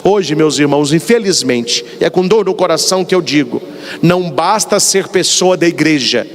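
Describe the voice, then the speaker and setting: High, lively Brazilian priest preaching. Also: male voice, moderate pace. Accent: Brazilian Portuguese. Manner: animated storyteller, acts out dialogues. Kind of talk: sermon. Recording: long hall reverb.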